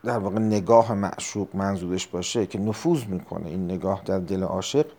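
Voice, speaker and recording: A man teaching a recorded test-prep lesson, explaining step by step, repeating key terms and clearing his throat often. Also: low-pitched, mellow. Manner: frequent throat clearing and hesitations.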